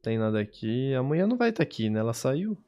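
A young man from Brazil streaming a horror game, chatting casually and reading the game's lore aloud, excitable and quick to yelp. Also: medium pitch. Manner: excitable, yelps when startled, reads lore slowly. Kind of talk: casual gaming chat with read-aloud lore.

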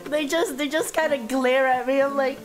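A woman live streamer chatting casually over a game, giggly and excitable, swearing freely, with a voice hoarse from being sick. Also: high voice, moderate pace. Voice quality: hoarse, husky from illness. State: sick, coughing. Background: game music.

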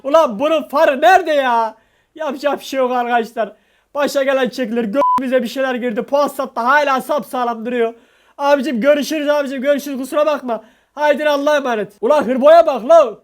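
A man's voice: very high voice, steady tone, quick pace. A man doing dramatic, rowdy comedic role-play commentary as he plays a truck game. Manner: dramatic, rowdy, swears and grumbles. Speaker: gaming YouTuber.

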